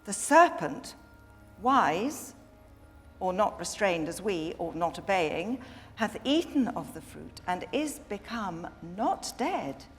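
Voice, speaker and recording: A woman voicing Eve, the first woman, eager and persuasive, in a measured dramatic verse reading. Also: medium pitch, sing-song, faint music behind. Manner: measured, earnest verse delivery. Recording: long hall reverb.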